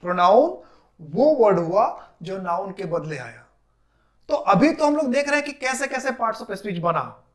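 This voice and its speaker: A man teaching English grammar in a classroom lecture. He asks questions, answers them himself and repeats key terms slowly. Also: high-pitched, very animated. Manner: drills terms with repetition.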